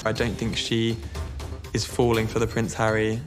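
A man speaking in reality-show confessionals and scenes, smooth and self-assured but evasive. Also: on the low side, completely flat delivery, normal speed, music in the background. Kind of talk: confessional interview clip.

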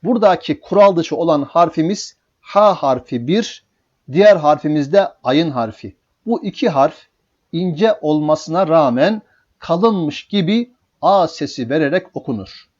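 A man teaching a beginner lesson on reading Arabic letters, drawing out each syllable in slow drills and explaining rules calmly step by step. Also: fairly high pitch, highs cut off. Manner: slow, drawn-out syllable drills with sung-up vowels. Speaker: Quran teacher.

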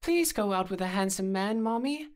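A man voicing a puppy as a high, pleading little child in a storybook reading. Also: expressive, normal speed, smooth. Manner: squeaky, wheedling, childish.

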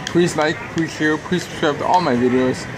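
At an outdoor table in a theme park, a man in his thirties enthusiastically reviews food on camera in a casual way, chatting between bites. His voice is a little high and his pace moderate. The audio is noisy, with a hum underneath.

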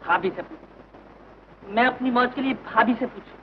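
An actor playing a spoiled, hot-tempered young drinker who demands money in a 1950s film. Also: male voice, very high-pitched, a little slow. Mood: bitter. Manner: demanding, shouting. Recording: dull 1950s film soundtrack, faint hiss.

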